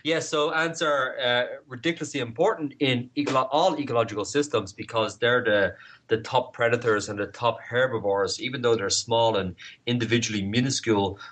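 A man's voice: mid-range voice, a bit bright. A man speaking as an interview guest, an entomologist explaining things with plain, vivid everyday examples.

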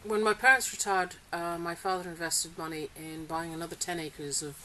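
Fairly low in pitch, her voice is pushed and bright with fairly even intonation at normal speed. She's a middle-aged farmer who grew up in Singapore, casually chatting in an interview about her farm with lots of laughter and hesitant fillers. The poor audio, made in a polytunnel, has faint hiss and rain on the tunnel.

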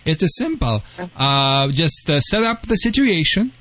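A man from Russia with a Russian accent, hosting a call-in pet advice show in excitable, joking, imperfect English. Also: a little high, measured pace, no room sound. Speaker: radio pet-advice host and dog trainer.

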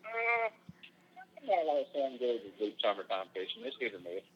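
A man calling in as a phone guest, joking dryly in casual banter. His voice comes through a quiet, muffled phone line that sounds like he is inside a barrel. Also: lowish voice, animated, moderate pace. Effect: muffled phone call that sounds like it is inside a barrel.

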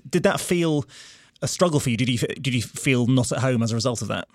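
A man's voice: medium pitch, animated, fast talker, dry recording, clean studio sound. A man interviewing a guest, asking thoughtful questions with hesitations.

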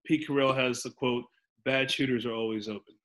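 Male coach, American, medium pitch, halting casual podcast talk. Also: steady tone, a bit bright. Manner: halting, repeats words. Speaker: basketball coach.

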